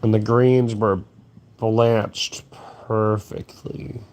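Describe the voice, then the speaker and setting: A man's voice: lowish voice, level tone, very slow, a little mellow. A sleepy young man rambling crudely through a late-night monologue, yawning and meandering. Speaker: streamer.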